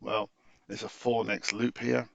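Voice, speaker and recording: He talks through a software demo on screen share, unscripted yet methodical and instructive, in a medium-pitched, creaky voice. His delivery is flat and a little slow, and the recording is dull and dry.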